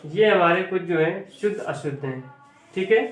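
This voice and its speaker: A man teaching a spelling lesson, who repeats words slowly and often asks and answers his own questions. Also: sits high, animated. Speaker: Hindi teacher. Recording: roomy echo, distant mic.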